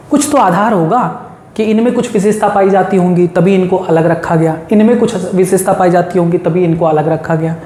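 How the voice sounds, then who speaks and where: A woman's voice: lowish voice, dark tone, slight background noise. A woman teaching a biology lesson, drilling lists of terms and repeating lines so students memorize them. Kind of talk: classroom lesson. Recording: roomy echo.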